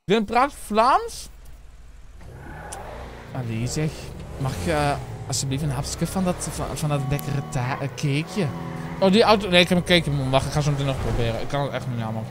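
Talking fast in a medium-pitched voice, a young Dutch man in his twenties with a Netherlands accent streams a roleplay game. He's chatty and slangy, swears a lot, and addresses his viewers directly, with background noise in the recording.

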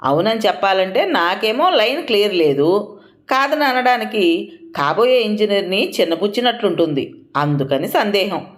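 A woman's voice: medium pitch, normal speed, lightly acted. A woman voicing a playful, teasing young woman who is a daughter in the story. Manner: lively and teasing.

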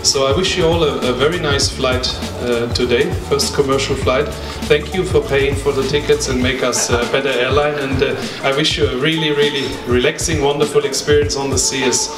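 A middle-aged man's voice comes from a distance through a handheld mic in an echoey airport lounge. He gives an informal welcome speech to a crowd, a little haltingly, with music behind him. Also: mid-range voice, fairly even intonation. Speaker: airline executive. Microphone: handheld microphone over PA.

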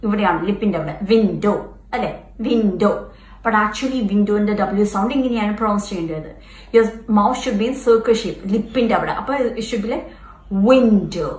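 A woman from Kerala with a Malayali accent, teaching English pronunciation and modelling each word slowly and deliberately. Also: mid-range voice, darkish tone. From Kerala, India. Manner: slow, deliberate modelling of words. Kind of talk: bilingual pronunciation lesson. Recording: echoey room.

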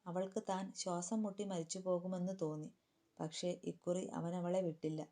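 A woman's voice: on the low side, little pitch movement, normal speed, warm tone. A woman narrating a family story, voicing each character's lines herself. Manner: reads all characters' lines in her own voice, lifting slightly for quotes.

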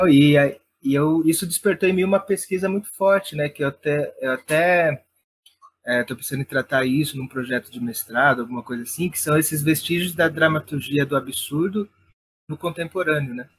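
A Brazilian playwright and theatre director, interviewed as a guest, talks casually and enthusiastically in an informal way. His voice is a little high and fairly quick, with slight background noise.

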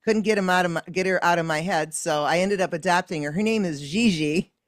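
Low-voiced woman host, dry sound. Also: brisk, dry recording. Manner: chatty, personal anecdotes with fillers. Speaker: interview host. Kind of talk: casual interview conversation.

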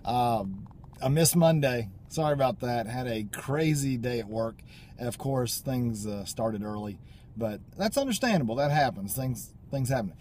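A man's voice: mid-range voice, animated, normal speed, a little mellow, slight background noise. A man in his forties giving a motivational talk to a camera inside a car, upbeat and full of fillers. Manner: upbeat, pep-talk delivery with frequent fillers. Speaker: vlogger. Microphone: camera mounted on the dashboard.

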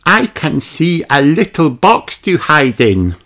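A woman voicing an excited, playful little girl pig from a children's storybook in a singsong, childlike way. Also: sits low, slow pace, noisy background, pitched above the performer's own voice, exaggerated voice. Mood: confident, sneaky.

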